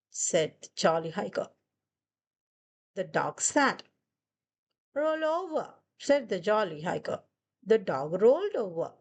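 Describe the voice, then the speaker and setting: A woman reading a children's picture book aloud, lifting her voice for the quoted lines. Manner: slow storytelling, voices quoted lines higher.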